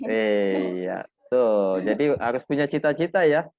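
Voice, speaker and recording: A man's voice: on the low side, lively intonation, slow, no echo. A man casually interviewing a schoolgirl, prompting her with lots of tag questions over a call. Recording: dry, phone-like call audio.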